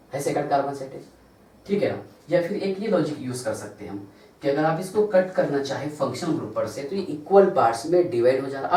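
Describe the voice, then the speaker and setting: A man with an Indian Hindi accent teaching chemistry in a classroom lecture. He counts carbons aloud, spells out formulas slowly, and asks questions that he answers himself. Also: medium pitch, warm tone. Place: large classroom. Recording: echoey room, distant mic, faint noise.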